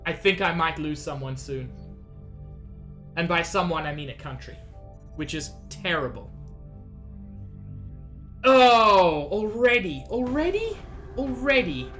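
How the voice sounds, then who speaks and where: A slightly unwell woman streams a game and chats nervously with her viewers, giving casual commentary. Her lowish voice is expressive and fairly bright, and she speaks slowly with long pauses. Faint game music plays in the background.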